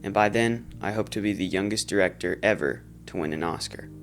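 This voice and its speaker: A man's voice: fairly low pitch, fairly quick, faint music behind. An eighteen-year-old man talking earnestly and with determination to camera in a casual vlog about his filmmaking goals. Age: teens. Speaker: aspiring filmmaker.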